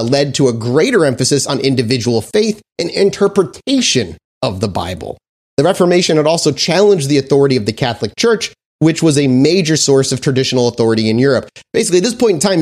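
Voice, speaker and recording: Reading research aloud from notes, this casual history podcast host keeps stumbling into fillers and restarts. His voice sits on the high side and sounds a little mellow.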